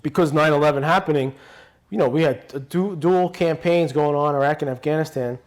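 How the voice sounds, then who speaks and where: This Brooklyn, New York man, a retired police officer, is a guest on a podcast in casual interview conversation. His voice is a little high and fairly quick, and he tells stories bluntly and loosely, restarting often.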